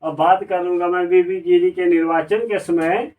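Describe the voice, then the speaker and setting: High-voiced man teaching, repeating himself. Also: fairly even intonation, normal speed, darkish tone, recorded from a distance. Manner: repeats and rephrases, frequent "ठीक है" fillers. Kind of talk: exam-prep lecture.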